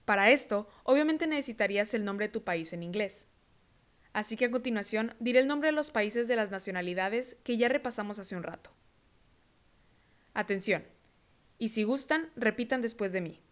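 A woman hosting a scripted podcast lesson, slowly and carefully repeating words for listeners to copy. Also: a little high, lively intonation, lo-fi sound. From Mexico. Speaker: English teacher host of a podcast.

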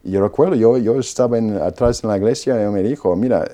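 Low mellow-voiced man telling his story. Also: fast. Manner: storytelling with frequent "¿no?" tags and restarts. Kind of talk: personal testimony in an interview.

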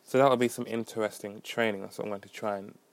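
Speaking quickly with fairly low pitch and fairly even intonation, a young podcast host rambles alone through a casual monologue, self-deprecating and wry. There's no room sound, and a slight leftover cough lingers.

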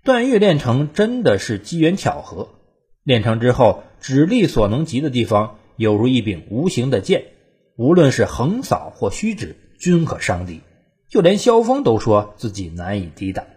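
Male countdown narrator, animated intonation, slightly husky voice, colloquial and wry. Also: medium pitch, normal speed.

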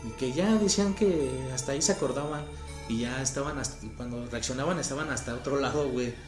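A man's voice: medium pitch, fast. A young man with a Mexican accent, chatting about witches and ghost stories in slangy speech, often checking agreement. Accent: Mexican Spanish. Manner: slangy, filler-heavy, seeks agreement. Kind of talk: casual chat, telling spooky stories. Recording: echoey room with faint music.

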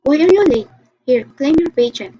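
A woman's voice: high-pitched, lively intonation, normal speed, warm tone. A woman playing a cold, dismissive female boss in an amateur audio drama, on a dull lo-fi recording. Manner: curt, dismissive.

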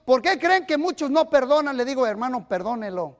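A man's voice: very high-pitched, sing-song, brisk. An older man preaching as a pastor, emphatic and repetitive, leading the congregation in call-and-response. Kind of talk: energetic Pentecostal-style sermon.

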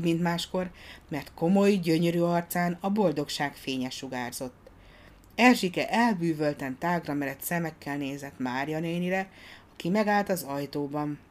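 Low-voiced woman reading a story, expressive and measured. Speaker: narrator. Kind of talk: audiobook narration.

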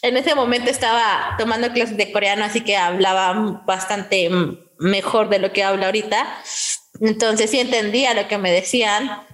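A young woman hosting a casual podcast, animated and laughing as she tells a story. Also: medium pitch, moderate pace. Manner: animated, laughing, acts out quotes. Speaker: podcast co-host.

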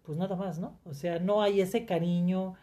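A woman's voice: fairly low pitch, fairly even intonation, dark tone. A middle-aged woman, reflecting candidly in conversation, often restarting her sentences. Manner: reflective, speaks in halting restarts. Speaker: guest sharing her story.

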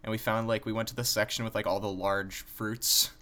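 A man's voice: lowish voice, level tone, fairly quick, sharp tone. College guy chatting, rambles a lot, says like every other word. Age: young adult. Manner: rambling, lots of "like" fillers. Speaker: college student. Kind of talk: casual chat.

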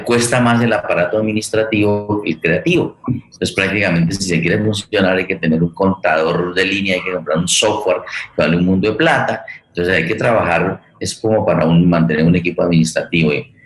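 A Colombian forum host with a very low voice leads a conversational political and cultural discussion. He is halting, often repeating himself as he searches for words, and the audio has a strong room echo.

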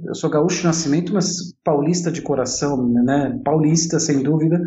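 An interview guest in his forties, an entrepreneur from Italy and São Paulo, Brazil, talks about his own life in a relaxed, talkative manner. His fairly high, mellow voice moves at normal speed with a São Paulo Brazilian accent, and he frequently repeats and rephrases. There's slight background noise in a roomy, somewhat dull-sounding recording.

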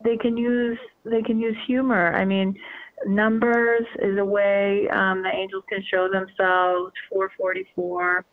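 A woman's voice: medium pitch, level tone, measured pace, no echo. Chatty woman on a tinny phone line. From Northeastern US. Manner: enthusiastic, chatty, lots of fillers. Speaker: guest. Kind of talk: radio call-in conversation.

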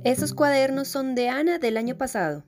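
A woman's voice: sits high, lively intonation, fairly quick, darkish tone, soft background music. A woman playing a stern, dismissive mother in a dubbed film, scolding about her daughter. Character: stern, exasperated middle-aged mother.

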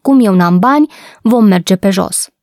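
A woman voicing a cheerful, streetwise boy who sells newspapers and talks in brisk, jaunty bursts in a storybook reading. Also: mid-range voice, darkish tone, no room sound, clean studio sound, close to an everyday voice.

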